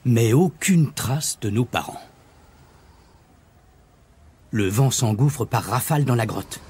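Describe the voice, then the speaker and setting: A man reading a children's story aloud as narrator, in an expressive, animated way. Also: mid-range voice, breathy edge.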